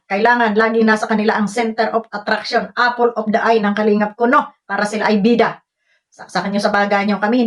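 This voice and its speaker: Woman vlogger with a high voice, scolding and fired up, keeps throwing rhetorical questions. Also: a bit bright. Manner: scolding, confrontational, repeated rhetorical "Ha?". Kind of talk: angry rant to online critics.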